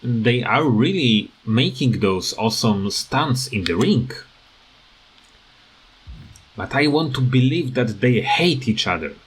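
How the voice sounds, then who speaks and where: A man with a command of talks through his opinions in an informal, unscripted rant. His delivery is slow and halting, with repeated words as he searches for the next phrase. His pitch sits in an ordinary middle range for a man. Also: lively intonation, breathy edge, rough recording. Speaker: video creator giving commentary.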